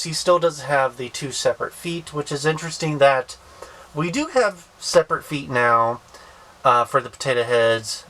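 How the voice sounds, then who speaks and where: A man casually reviewing a toy, thinking aloud with halting restarts. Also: medium pitch, bright, forceful tone, poor audio. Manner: hesitant, many fillers and restarts, thinking aloud.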